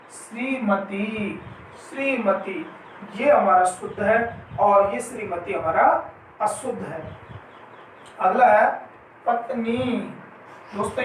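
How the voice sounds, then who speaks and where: A male Hindi grammar teacher giving an exam-prep spelling lesson, drawing out each word slowly, repeating it, and asking questions he answers himself. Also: sits high. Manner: slow, drawn-out pronunciation of each word, repeating it. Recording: very echoey room, mic at a distance, faint noise.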